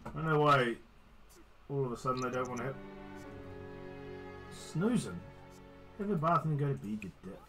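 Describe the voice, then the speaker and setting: A man's voice: medium pitch, expressive, moderate pace, pauses often, a bit bright, faint music behind, low-quality recording. A man giving casual gameplay commentary, teasing and swearing at the characters he controls. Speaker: gaming streamer.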